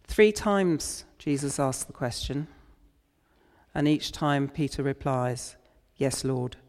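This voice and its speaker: Slow reflective sermon from a guy preacher, lots of church echo trailing off. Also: on the high side, lively intonation, darkish tone. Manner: unhurried, reflective retelling of scripture. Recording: long church reverb.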